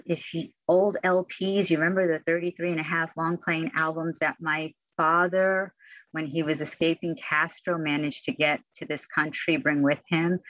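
A man's voice: fairly high pitch, pushed and bright, no echo. Reflective man, dull dry sound. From United States. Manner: reflective, rambling. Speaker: panel guest. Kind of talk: casual conversation.

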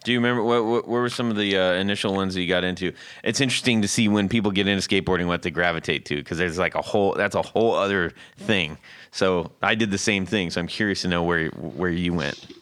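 A man's voice: deep voice, fairly bright tone. A man from California, hosting a podcast in a chatty, encouraging way. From California, USA. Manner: chatty, encouraging, quick to chime in. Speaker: podcast host. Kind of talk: casual interview chat.

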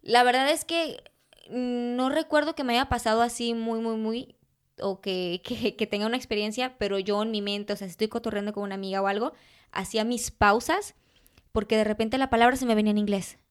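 A Mexican woman co-hosting a podcast in casual, animated chat, laughing often. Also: fairly high pitch, brisk, clean tone. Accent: Mexican Spanish. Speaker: podcast co-host.

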